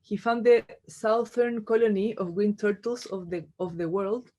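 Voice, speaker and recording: A visual artist from Santiago, Chile, a native Spanish speaker with a Chilean accent, gives an informal artist talk as a lecture. She speaks in a halting, conversational way, full of "like" and "you know." Her mid-range voice has a dark tone.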